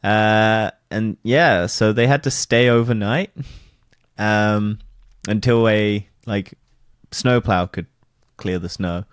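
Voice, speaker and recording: Rambling, laughing podcast co-host. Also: male voice, fairly low pitch, takes it slowly, clear, resonant tone, no echo, studio quality. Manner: rambling, laughing, swears casually, many fillers. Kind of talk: casual chat.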